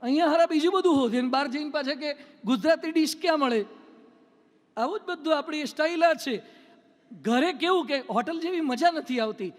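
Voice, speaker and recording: High-voiced monk preaching in a hall. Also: male voice, fairly quick. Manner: storytelling, playful, mimics people. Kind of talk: humorous sermon with anecdotes. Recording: long hall reverb.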